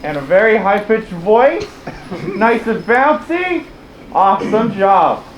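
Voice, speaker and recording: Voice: mid-range voice, sing-song, slow, highs cut off. Playful convention panel host in an echoey room. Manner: playful, teasing, calls out to people on stage. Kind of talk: convention panel talk to a live audience. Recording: echoey room, faint noise.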